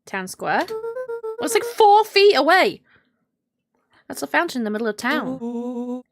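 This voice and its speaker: A woman's voice: high-pitched, a little slow, over music. A woman streaming a game, reading character lines and making joking, swearing asides. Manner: animated, swears, jokey asides. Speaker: streamer playing and reading dialogue.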